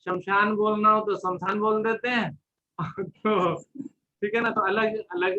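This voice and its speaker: A man leads a casual group discussion, encouraging and prompting the others to speak. His voice is high and bright. The audio is muffled and lo-fi. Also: steady tone, slow. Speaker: discussion host.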